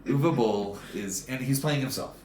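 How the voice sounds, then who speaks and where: A man's voice: medium pitch, a little slow, a little mellow, far from the mic. A man co-hosting a casual movie review chat, easygoing, with short agreeing replies and hesitant fillers. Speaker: podcast co-host. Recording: echoey room, faint background hiss.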